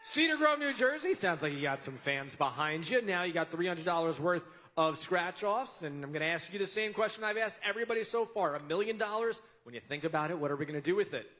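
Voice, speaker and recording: A man's voice: on the high side, fast talker, few pauses, fairly bright tone. A man co-hosting a live event, interviewing winners on stage in an upbeat style.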